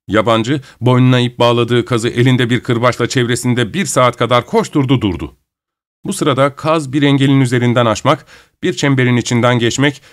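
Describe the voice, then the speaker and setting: A male audiobook narrator tells a story in calm, measured phrasing. His voice sits at an ordinary middle pitch, and he reads steadily without hurry.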